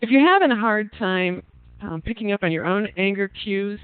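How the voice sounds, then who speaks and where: A man's voice: sits high, normal speed, clean tone, no echo. A man leading a parenting class, chatting casually with frequent ums, reading out the group's answers and asking them questions. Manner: reads out participants' answers and asks the group questions; relaxed, conversational, frequent ums. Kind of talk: online class lecture. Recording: tinny phone-like line, dry.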